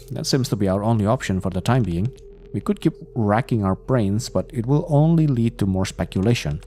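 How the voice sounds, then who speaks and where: A man voicing a thoughtful young woman who muses and speculates, in a low, mellow voice. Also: animated, normal speed, faint music behind, close to an everyday voice. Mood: musing. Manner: musing, speculative.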